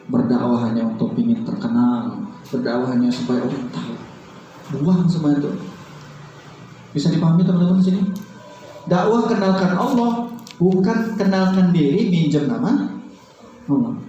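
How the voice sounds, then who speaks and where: A man preaching to a training group, keeping it lively with questions he answers himself and short acted dialogues. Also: a little high. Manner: lively, fires questions at the audience and answers them; acts out little dialogues in other voices. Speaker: Islamic preacher. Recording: dull, echoey hall with faint music.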